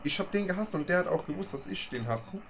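A man's voice: sits high, expressive, fast talker, crowd noise. Slangy young man telling school stories. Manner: slangy storyteller, swears freely. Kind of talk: casual chat.

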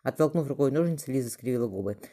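A narrator reading a historical novel as an audiobook, brisk and even with small slips. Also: medium pitch.

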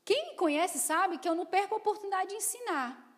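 A middle-aged woman pastor preaching a sermon emphatically, dropping to soft asides and rising to loud declarations. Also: very high voice, lively intonation, quick pace. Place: church. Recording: long reverb of a church hall.

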